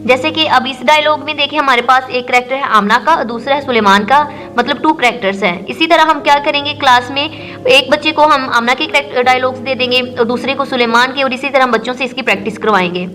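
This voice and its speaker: A woman teacher explains an English textbook lesson, reading English lines slowly and then explaining them in Urdu. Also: high-pitched, pushed and bright, soft background music, rough recording. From Pakistan.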